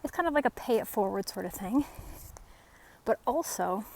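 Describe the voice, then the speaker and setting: A woman talking casually as she walks outside, explaining things in short, halting, conversational phrases. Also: on the high side, animated, gravelly, a little mellow. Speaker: host of an outdoor tree identification vlog. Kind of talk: casual talk to camera while out walking. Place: outdoors along a residential street on a walk. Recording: faint outdoor background noise.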